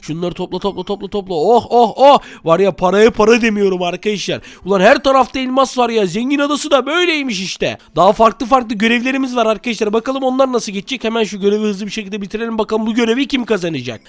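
A man hosting a Minecraft gameplay video, excitedly talking to viewers and trash-talking his rival. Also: high-pitched, quick pace, hardly any pauses, no room sound. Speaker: gaming channel host.

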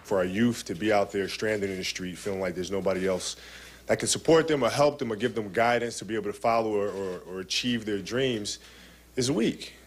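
A man's voice: on the low side, fairly quick. A man speaking in an emphatic, determined way in a short interview soundbite.

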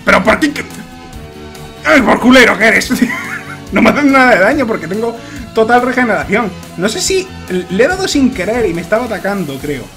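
Guy playing a game, high voice, jumpy and shouty, little bit of music underneath. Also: fairly quick. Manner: excitable, shouts and repeats words when nervous. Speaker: gaming YouTuber. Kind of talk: Let's Play commentary. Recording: faint music behind.

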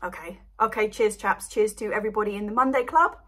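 Chatting to camera from home next to her seedling light box, this young English allotment vlogger rambles on and laughs a lot. She speaks fast, with a medium-pitched, fairly bright voice.

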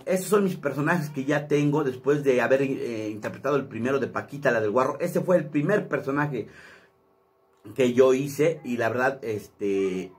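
A man, a comedian chatting casually to his channel in a rambling way. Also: mid-range voice. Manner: chatty, rambling, many fillers. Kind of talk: casual vlog talk.

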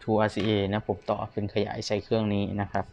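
A man's voice: on the low side, level tone, quick pace, darkish tone, lo-fi sound. A man giving a casual, polite product demonstration as a seller, talking the viewer through equipment. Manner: polite, ends most phrases with courtesy particles.

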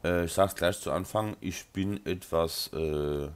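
A let's play host with a Rhine-Hessian German accent comments casually on his farming game in a low, unhurried voice. Hoarse from a sore throat and blocked nose, he mumbles and uses many ums.

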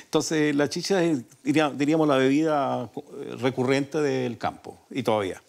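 A man's voice: mid-range voice, steady tone, moderate pace, vocal fry, darkish tone. Older Chilean man, folk singer guest, rambling storyteller, many restarts and fillers. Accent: Chilean Spanish. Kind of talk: relaxed storytelling interview. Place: radio studio.

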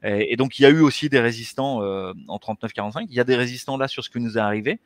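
Speaking from a small room on a video call, a middle-aged man talks through a headset mic with no room sound. He's a guest on an interview show, an anesthesiologist and author, and he explains his ideas earnestly, gesturing with his hands. His voice is mid-range and he talks at a racing speed.

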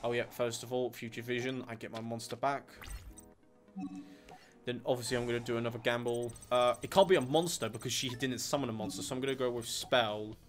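A man's voice: medium pitch, steady tone, a little fast, faint music behind. Casual male let's-play commentator, mutters and sighs at the game. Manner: muttering, exasperated asides. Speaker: gamer doing a let's play.

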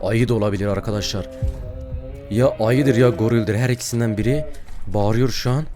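A man's voice: fairly low pitch, fairly quick, dark tone, soft background music. A young man playing a horror game and commenting as he goes, acting brave, then yelping and shrieking in fright and muttering prayers. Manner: jumpy, mock-brave, yelps and screams in fright, mutters prayers when scared. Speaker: gaming YouTuber.

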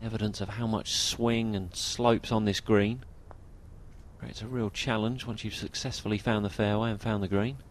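Low-voiced male golf commentator, noisy background. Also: fairly even intonation, normal speed. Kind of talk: golf tournament commentary, analysing shots.

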